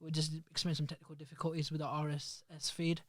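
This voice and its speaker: A man with a slightly high voice hosts a casual podcast from a small studio, talking fast and chatty, rambling and restarting his sentences a lot. His pitch barely moves, and the studio microphone picks up no echo.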